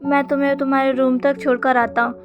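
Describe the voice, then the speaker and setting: A woman voicing a grieving young man who gently reassures his friend through tears. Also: high voice, flat delivery, fast talker, lo-fi sound, over music, close to an everyday voice. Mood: consoling.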